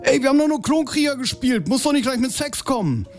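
A man voicing a foul-mouthed seven-year-old boy, shrill and indignant. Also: sing-song, fast talker, faint music behind. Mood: defiant.

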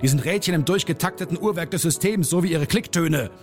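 A man voicing his own misanthropic, hot-tempered alter ego, ranting and sneering over soft piano music. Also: a little high, fast, voice pushed up, lightly acted. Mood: ranting scornful.

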